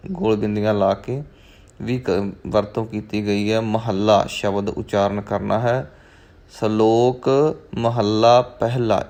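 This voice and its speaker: Slow, flat-voiced man teaching recitation. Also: fairly low pitch. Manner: measured, patient, repeats each word slowly for the learner. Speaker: scripture pronunciation teacher. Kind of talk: slow recitation lesson, chanting verses then explaining. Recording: dull, muffled lo-fi sound.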